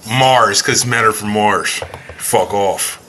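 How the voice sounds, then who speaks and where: A man's voice: lowish voice, takes it slowly, bright, forceful tone, a little hiss or hum. A man co-hosting a casual podcast, joking around, swearing freely and laughing a lot. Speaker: podcast co-host.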